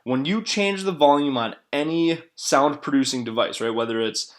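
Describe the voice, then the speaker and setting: A man's voice: a little high, normal speed. Man lecturing, tagging lines with "right?". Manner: explanatory, keeps checking in with a questioning "right?"; repeats words while searching for them. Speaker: teacher. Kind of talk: classroom lecture.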